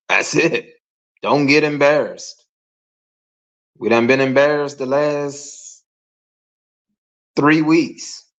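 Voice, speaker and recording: A man's voice: mid-range voice, steady tone, extremely slow, long pauses, fairly bright tone, poor audio. A man joining a live-stream chat as a guest, frank and plain-spoken, repeating his points. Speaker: guest co-host. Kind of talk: casual sports chat. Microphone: video call.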